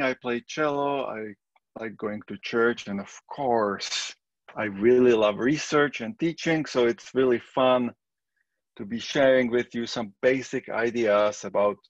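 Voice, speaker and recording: A middle-aged man with a Czech accent talks through a recorded university lecture in an easygoing, conversational way, often restarting his sentences. His voice sits at an ordinary pitch. The sound is dry and a little dull, like a computer microphone at home. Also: no room sound. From Czech Republic. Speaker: statistics professor.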